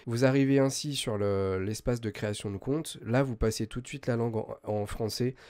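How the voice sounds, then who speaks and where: A man hosting a software tutorial, explaining step by step in a chatty way, full of hesitations and self-corrections. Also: medium pitch, normal speed. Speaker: host of a web tools tutorial channel. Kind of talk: screen-recorded software tutorial.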